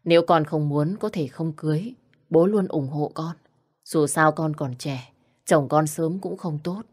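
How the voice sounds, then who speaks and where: A woman doing a gentle caring father. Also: sits low, measured pace, slightly rough. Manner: soft, gentle.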